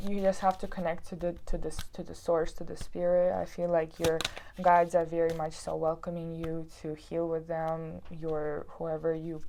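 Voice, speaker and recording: A woman's voice: low voice, a little hiss or hum. A woman giving a casual tarot reading to her viewers, chatty and heartfelt, filling her talk with "like" and "you know.". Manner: reads card texts aloud in a calmer tone. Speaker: tarot card reader.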